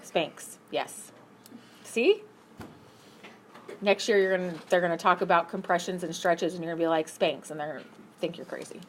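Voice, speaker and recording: A woman teaching a math class, brisk and upbeat, asking her students questions as she works through problems. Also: lowish voice, steady tone, a little hiss or hum. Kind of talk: classroom lesson.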